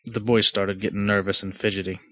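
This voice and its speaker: Man reading aloud in a lowish voice. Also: fairly quick, no echo. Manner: plain, steady read-aloud delivery with small stumbles. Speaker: reader. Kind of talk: reading a story and a lawn-care text aloud.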